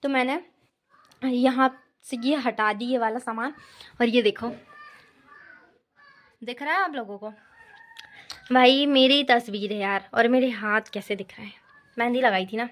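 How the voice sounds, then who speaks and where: A fairly high-voiced young woman talks easily to her viewers, calling them "bhai" and "yaar". She gives a relaxed tour of her small home and sounds like she is filming on a handheld phone indoors. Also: measured pace, long pauses. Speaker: vlogger. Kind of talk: casual home tour vlog.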